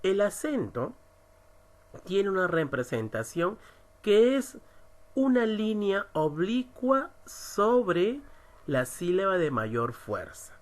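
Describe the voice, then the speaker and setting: A man teaching an online writing class, slowly stressing syllables as he explains. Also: high-pitched, very animated. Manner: slow, emphatic, stresses syllables. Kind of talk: recorded online lesson.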